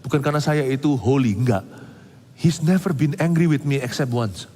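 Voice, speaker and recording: A middle-aged male pastor giving an animated sermon, moving between soft, intimate passages and emphatic outbursts, with English phrases mixed in. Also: mid-range voice, normal speed. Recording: reverberant hall.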